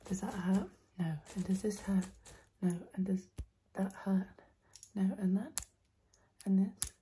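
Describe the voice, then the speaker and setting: Soft-spoken ASMR woman with tingly mouth-sound delivery, crinkly noise. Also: steady tone, measured pace. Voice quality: soft-spoken, breathy soft voice, often slipping into soft low speech. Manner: playful, coaxing, rambling instructions to the listener. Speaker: ASMR performer. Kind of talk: ASMR role-play, ASMR personal attention.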